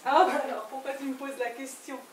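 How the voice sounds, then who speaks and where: An actress playing an evasive, exasperated wife in a stage play, quick and dismissive in her replies. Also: high-pitched, steady tone, lightly acted. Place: theater stage. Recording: roomy, distant stage recording with faint hiss.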